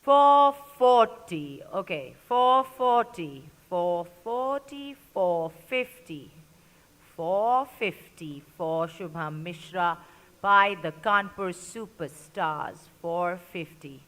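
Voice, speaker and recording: A woman auctioneer at a live sports player auction calls out and repeats bids in short, clipped phrases. Her voice is on the low side and fairly bright, slow yet expressive. The large hall is echoey with long reverb.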